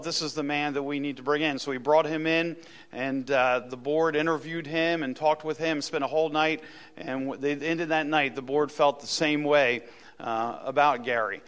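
A man's voice: fairly high pitch, a bit bright, clean tone. A man speaking as a pastor, addressing his congregation in an introduction for a guest speaker.

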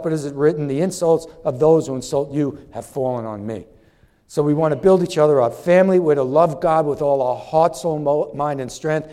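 A man's voice: on the high side, darkish tone. A middle-aged man preaching a sermon as pastor, impassioned and preachy, sweating as he talks. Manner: impassioned, preachy, acts out little dialogues.

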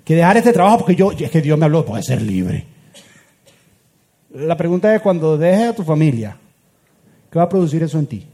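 A man preaching a sermon as a pastor, swinging from loud urgent build-ups to hushed, quiet lines. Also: fairly high pitch, very animated, fairly quick, long pauses.

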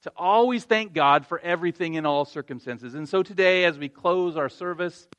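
The recording's highs are cut off as a man with a fairly high, fairly bright voice preaches at a moderate pace. His sermon is conversational, with a personal anecdote and self-deprecating laughs that give way to earnest urging of his congregation.

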